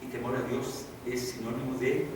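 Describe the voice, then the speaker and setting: Preaching pastor in an echoey church. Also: male voice, medium pitch, little pitch movement, normal speed. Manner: dramatic preaching, acting out quoted voices and shouting lines. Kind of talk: sermon. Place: church sanctuary. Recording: echoey church hall, distant mic, audible noise.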